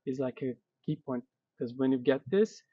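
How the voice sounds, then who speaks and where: Halting man asking questions from off-mic. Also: mid-range voice, dark tone, slightly rough, dry recording. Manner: halting, searching for words. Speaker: interviewer, school founder. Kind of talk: casual interview questions. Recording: distant, muffled mic.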